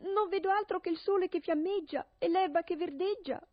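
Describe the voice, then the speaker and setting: A woman's voice: brisk, no room sound, highs cut off. A woman reading a radio storybook, voicing an anxious young sister who calls down from a tower. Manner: calling out, high and strained.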